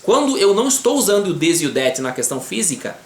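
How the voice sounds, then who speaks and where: Give me a Brazilian man giving a beginner English lesson in an echoey room with faint background ambience, slowing down to model words. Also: sits high, very animated, a little hiss or hum. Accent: Brazilian Portuguese. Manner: checks in often with quick tag questions; slows down to model English pronunciation. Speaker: English teacher. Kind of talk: explaining English grammar to beginners.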